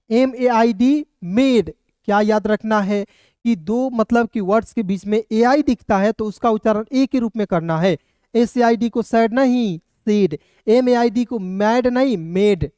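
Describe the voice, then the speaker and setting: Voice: mid-range voice, dark tone, smooth, dry recording, clean studio sound. A teacher giving an online English reading lesson, spelling words letter by letter and patiently quizzing the viewers. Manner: patient, repetitive, addresses viewers as friends. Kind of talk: Hindi-language English phonics lesson.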